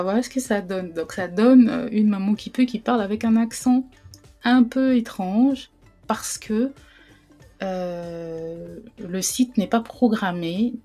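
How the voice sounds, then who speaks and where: Husky-voiced woman giving a chatty tutorial. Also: mid-range voice, dark tone. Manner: chatty, hesitant, self-deprecating with fillers. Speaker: YouTube host demoing a website. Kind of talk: casual screen-share tutorial.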